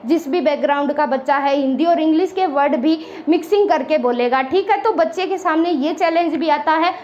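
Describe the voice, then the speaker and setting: The recording is muffled, capturing a woman teacher whose high voice sounds brisk yet a little mellow. Preparing students for an exam, she blends English words into her Hindi and says "ठीक है" often.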